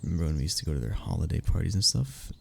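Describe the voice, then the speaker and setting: Playing a young best friend in an intimate audio roleplay, this young adult man has a very gravelly, low voice and a lively, shifting pitch. He teases softly and earnestly, affectionate and playful, in a relaxed, fond mood. He talks very fast and commits to a full character voice.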